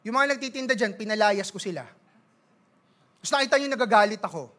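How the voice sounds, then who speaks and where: A Filipino man preaching a sermon as pastor, mixing Tagalog with English, reading scripture slowly and joking with the congregation. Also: sits high, expressive, fairly bright tone. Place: church service.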